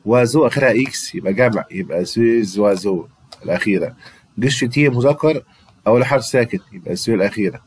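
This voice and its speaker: A man's voice: on the low side, very fast, a little mellow, breathy edge. A man with an Egyptian Arabic accent, teaching a French grammar lesson to students and patiently repeating words for them to drill. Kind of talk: classroom-style grammar lesson.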